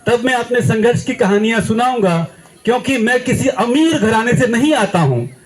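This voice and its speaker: A young Indian man, a guest speaker at a school, gives an emphatic motivational talk to schoolchildren, quizzing them and acting out examples. His very high-pitched voice is expressive and at normal speed, captured on a rough recording.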